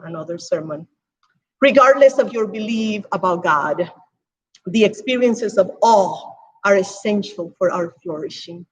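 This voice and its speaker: A woman from Cuba preaching a sermon as pastor, with emphatic swells and hushed drops. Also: a little high, slight background noise, rough recording.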